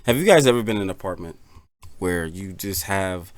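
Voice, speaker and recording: A man casually reacting to horror clips, sarcastic and profane, with a lively, animated delivery. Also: low-pitched, normal speed, no room sound. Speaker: reaction video host.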